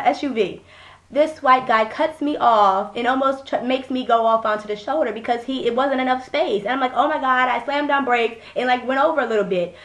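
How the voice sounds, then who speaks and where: A hoarse young woman vlogging, telling a casual story in a blunt, animated way and swearing freely. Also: fairly high pitch.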